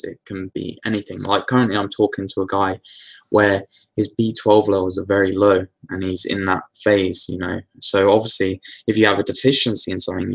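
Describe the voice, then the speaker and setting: A man with a lowish, gravelly voice, talking through viewer questions in an easygoing live Q&A. He wanders a little, restarts sentences and leans on plenty of fillers. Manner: relaxed, meandering, with many fillers and restarts. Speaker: host answering viewer questions. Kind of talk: casual live Q&A talk.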